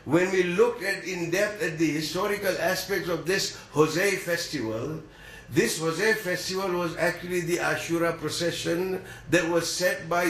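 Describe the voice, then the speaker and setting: A man from East Africa delivering an earnest sermon at a measured, deliberate pace. His voice sits a little high for a man and carries into a roomy, echoing space. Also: fairly bright tone, a little hiss or hum. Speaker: preacher. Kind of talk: religious sermon.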